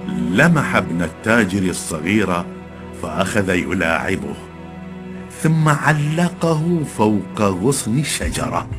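A man narrating a folk tale in a calm, measured storytelling voice. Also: low-pitched. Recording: background music.

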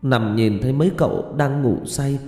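A man's voice: mid-range voice, normal speed, dark tone, voice pushed up, natural voice. A man voicing a frightened middle-aged woman who stammers tearful pleas. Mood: tearful pleading. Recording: echoey room with long reverb and faint music.

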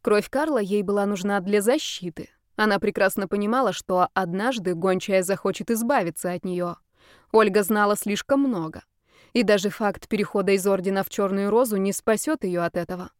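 Brief: female audiobook narrator, mid pitch, measured delivery, dry close recording. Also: no echo.

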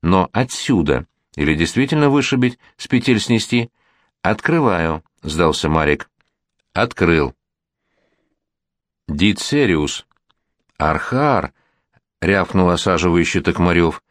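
A man narrating an audiobook in a wry, lively reading, raising his voice for the quoted dialogue. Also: low-pitched, measured pace, long pauses, no room sound, studio quality.

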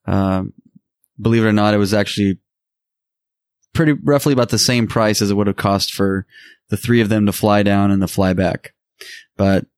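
A man's voice: on the low side, a little mellow, dry recording, clean studio sound. A man co-hosting a podcast, chatting casually and telling personal stories. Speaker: podcast co-host. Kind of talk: casual chat and personal storytelling.

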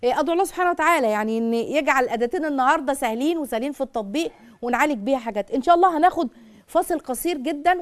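Hosting a live call-in show offering parenting advice, a middle-aged Egyptian woman speaks Egyptian Arabic-accented words at a rapid clip. Her voice is high for a woman, and she stays animated by performing mothers' words.

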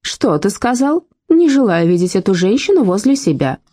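A woman voicing a blunt, sharp-tongued woman of eighty-six in a read-aloud story, with a husky, dark voice. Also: mid-range voice, very animated, normal speed, no echo, clean studio sound, voice pushed up. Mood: cutting. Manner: blunt, cutting. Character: rude sharp-tongued 86-year-old woman.

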